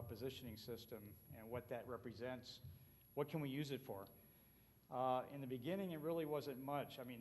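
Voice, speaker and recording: A man with an American accent gives an informal conference presentation, speaking in a conversational, colloquial way with frequent filled pauses. His voice is medium-pitched.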